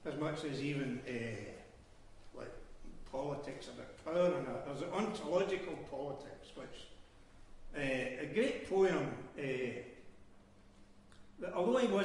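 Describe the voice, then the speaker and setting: A man's voice: on the high side, animated, unhurried, a little hiss or hum. A Scottish man from Glasgow, a poet, talking through a live reading in a rambling, hesitant way full of ems and ehs. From Glasgow, Scotland. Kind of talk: live poetry reading with digressions. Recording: echoey hall, voice from far off.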